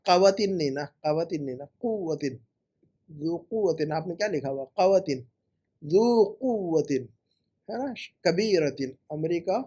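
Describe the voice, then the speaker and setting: A man teaching Arabic, going through students' homework and correcting mistakes, repeating the right phrases slowly. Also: sits high, a little mellow.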